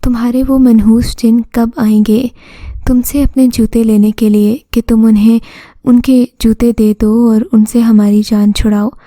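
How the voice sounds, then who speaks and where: Upset scolding mom, woman narrator voices her, flat, mellow. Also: a little high, measured pace, no room sound, natural voice. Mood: distressed. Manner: reproachful, distressed. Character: frightened distraught mother, a wife.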